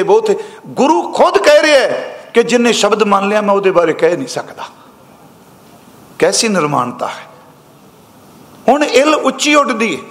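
A man preacher giving a sermon of scripture commentary, slowly chanting verses between plain explanations. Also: sits high, a bit bright. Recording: echoey hall reverb.

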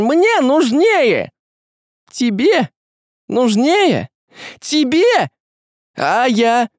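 A man voicing a hot-tempered young villager, shouting accusations in a high, strained voice, in a dry close recording. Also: dry recording, full character voice.

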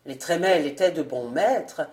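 An older steward, uneasy and careful with his words, his voice set low and measured, as a woman reader plays him. He sounds like an old courtier embarrassed in front of a new court. Storybook narration. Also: expressive, a little mellow. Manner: cautious, hesitant.

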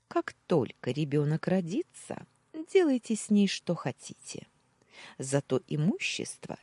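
A cold, bossy young woman who talks in a brisk, pushy way, as a woman narrator puts her on. Her voice is low and husky with wide pitch swings. The storybook reading sounds dry and close. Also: no echo, heavily acted. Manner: brisk, pushy, sharp-tongued.

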